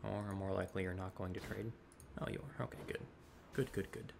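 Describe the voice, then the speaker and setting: Male gameplay commentator, low and fry-heavy, dry sarcastic ramble, home desk mic with noticeable hiss. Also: fairly even intonation, fairly quick. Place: home room.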